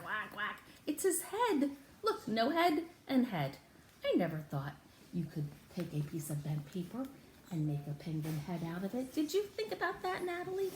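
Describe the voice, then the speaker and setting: In an echoey room with faint noise behind her, a woman with a mid-pitched voice does an interactive read-aloud of a picture book for young children. Her teaching style is highly animated and exaggerated, with stretched-out key words, gasps, and prompts for the listener to respond.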